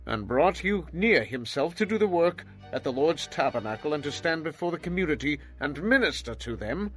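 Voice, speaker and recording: With a medium pitch close to his everyday voice, an actor plays a stern prophet leader giving commands in a dramatized scripture reading. Faint music runs underneath as he speaks forcefully, at moments pleading.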